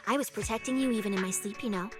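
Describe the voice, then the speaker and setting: A woman's voice: mid-range voice, racing, lightly acted. An actress voicing a playful, snack-loving young woman agent in a video game, teasing and bubbly. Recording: game audio with music behind.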